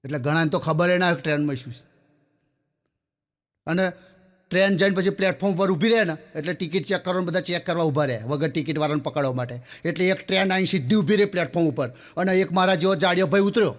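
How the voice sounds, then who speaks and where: Talking fast with lively intonation, a high-voiced man does stand-up, telling joke stories and acting out each character. He chats with the crowd and addresses them as sir.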